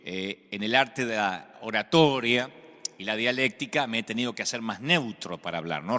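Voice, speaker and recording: A man's voice: medium pitch, bright, forceful tone. A man from Argentina with an Argentine Spanish accent, preaching a sermon as pastor, telling stories with humor and emphasis. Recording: long hall reverb.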